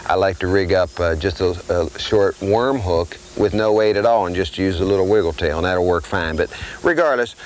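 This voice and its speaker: Low-voiced older man explaining fishing rigs. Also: slight background noise, rough recording. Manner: plain, step-by-step explaining while tying rigs. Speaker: fishing instructor. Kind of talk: hands-on tutorial.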